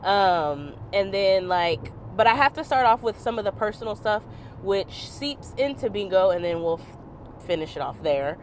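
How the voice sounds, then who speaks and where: A woman's voice: mid-range voice, lively intonation, normal speed, slight background noise. A woman content creator with a congested, stuffy voice, chatting casually while driving. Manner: chatty, many fillers. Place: in a car, driving.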